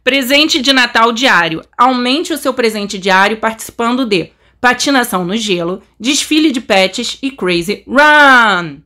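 Young Brazilian woman, Brazilian Portuguese accent, game host, thrilled and breathless, bright high voice. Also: animated, measured pace, hardly any pauses. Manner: gushing, exclamatory, says she is trembling. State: excited. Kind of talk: excited gameplay commentary.

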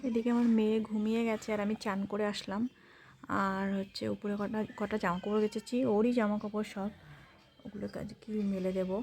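A woman's voice: medium pitch, level tone, a little fast, darkish tone. A woman with a sore throat from a cold, chatting casually through her household chores in a home vlog. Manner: chatty, narrating chores as she works. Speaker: home vlogger.

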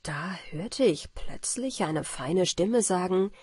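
A woman narrating a bedtime fairy tale in a calm, even reading voice. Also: on the low side, takes it slowly, husky, no room sound, studio quality. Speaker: audiobook narrator.

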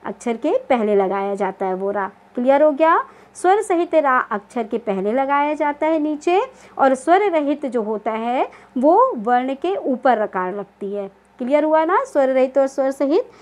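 A woman teaching a primary school Hindi lesson, patient and repetitive, often checking that pupils understand and sounding out word lists slowly. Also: high-pitched, a little mellow. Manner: slow, spelled-out syllables in word lists. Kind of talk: online class lesson.

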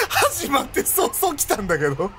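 High, panicky man shouting through a horror game. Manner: panicky, shouting and rough-spoken. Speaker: game streamer. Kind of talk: horror game let's play commentary.

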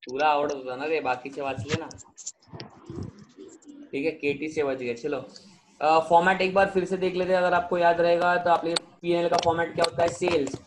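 Man, high voice, accounts teacher, quizzing students, noisy recording, keyboard clicks. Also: level tone, normal speed. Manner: switches between Hindi, Marathi and English, questions students often. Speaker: commerce teacher. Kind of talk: online accounts lecture.

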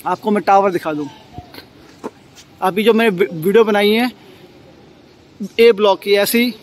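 A man's voice: high-pitched, a little slow, a little hiss or hum, rough recording. A man in his thirties, talking casually while walking through a new apartment building and pointing things out, filmed on a handheld phone. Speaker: property vlogger. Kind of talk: casual walkthrough vlog. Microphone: handheld phone at arm's length.

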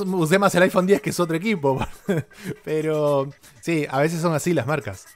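Chatty Peruvian man hosting a tech stream. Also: fairly high pitch. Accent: Peruvian Spanish. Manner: chatty and animated, with frequent asides to viewers. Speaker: tech YouTuber and journalist hosting a live Q&A. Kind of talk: live-stream Q&A, answering viewer questions. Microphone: desk studio microphone.

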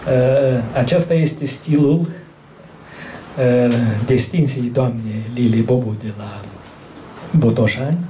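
A man with a Moldovan Romanian accent giving a formal speech at a library event, pausing often with hesitations. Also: mid-range voice, fairly even intonation, dark tone, distant mic, a little hiss or hum. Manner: halting, frequent hesitations. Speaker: event speaker.

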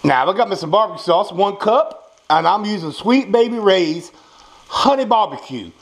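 Speaking at a normal speed in a voice that sits high and sounds expressive, an American home cook shows off a recipe from the stove of his small kitchen. He keeps it casual and unscripted, folksy with a salty tongue, repeating himself a lot. Frying, stirring, and clinking dishes can be heard, along with clear clatter from pans and utensils.

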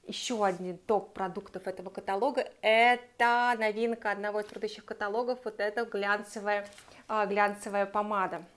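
A woman's voice: mid-range voice, steady tone, brisk. Chatty woman reviewing beauty products. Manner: chatty, enthusiastic, recommends warmly and addresses viewers directly. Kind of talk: casual product review to camera.

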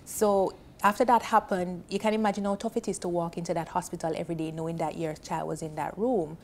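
Talking quickly in a fairly low voice, a TV panel guest in her thirties with a Jamaican accent tells an emotional personal story, earnest and animated with her hands. She is seated on a sofa in an indoor studio, and her lapel mic picks up a little background noise.

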